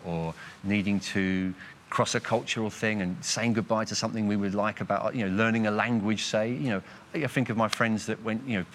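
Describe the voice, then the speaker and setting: A man hosting a reflective church panel discussion, earnest and animated, sometimes acting out imagined thoughts. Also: lowish voice, a little hiss or hum.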